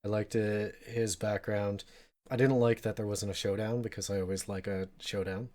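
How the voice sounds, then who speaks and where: A man's voice: fairly low pitch, little pitch movement, moderate pace, a little mellow. A man co-hosting a podcast, chatting casually about a film in a loose, rambling way with many fillers. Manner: loose and rambling, frequent fillers, bursts of laughter. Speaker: podcast co-host.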